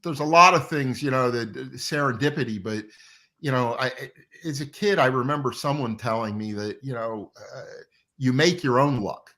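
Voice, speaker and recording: Speaking at normal speed, a man with a mid-range, slightly bright voice chats as an interview guest. He's a comic book artist, middle-aged or older, wandering through anecdotes about his job in an easygoing conversation looking back on his career.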